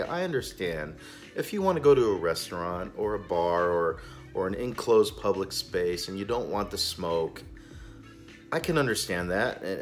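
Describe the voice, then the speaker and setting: This man, in his forties, runs a cigar review channel and vents his opinions in a casual vlog rant, emphatic and indignant with sweeping hand gestures. His voice is on the low side, and he's indoors in a small storage room stacked with boxes.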